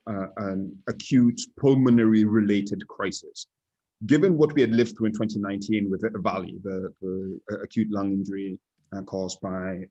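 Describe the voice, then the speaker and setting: Brief: low, husky-voiced male analyst; measured podcast talk with restarts. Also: darkish tone, dull audio. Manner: deliberate, frequent restarts. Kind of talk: casual podcast discussion.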